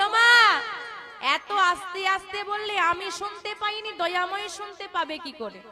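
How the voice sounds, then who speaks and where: A woman kirtan singer leading a devotional call-and-response, playfully teasing and coaxing her audience to chant louder. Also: very high-pitched. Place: live devotional gathering. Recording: live stage with music and crowd.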